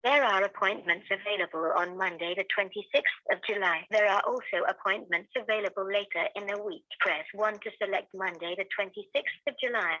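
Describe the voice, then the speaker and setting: A woman's voice: mid-range voice, no room sound. An automated woman's voice reading booking menu prompts, heard through a phone on speakerphone. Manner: even, measured, clearly spaced prompts. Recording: tinny phone speaker, dull and dry.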